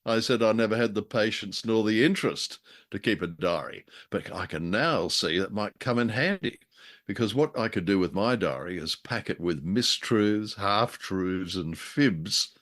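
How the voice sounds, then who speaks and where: A podcast co-host with an Australian accent and a fairly low voice talks in an animated but slightly slow manner. His casual, unscripted chat has a dry, jokey storytelling style.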